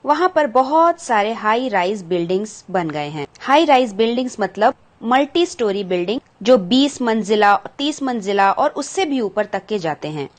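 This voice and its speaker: A woman's voice: mid-range voice, lively intonation, moderate pace, hardly any pauses. A woman teacher patiently explaining a school textbook chapter to children, glossing English words and asking the pupils questions.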